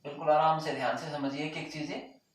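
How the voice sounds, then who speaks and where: A man teaching a lesson, repeating key terms and asking the class whether it is clear, with a sore throat that keeps making him clear it. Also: a little high, flat delivery, brisk. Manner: repeats key terms, asks rhetorical check questions. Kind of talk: classroom lecture. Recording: very echoey room, mic far off.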